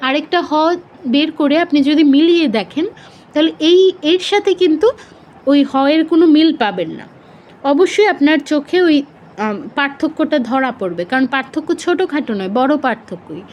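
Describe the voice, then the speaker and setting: A woman's voice: sits high, animated, fairly quick, darkish tone, highs cut off. A woman teaching Sanskrit pronunciation in a live online class, patiently explaining and drawing out example syllables.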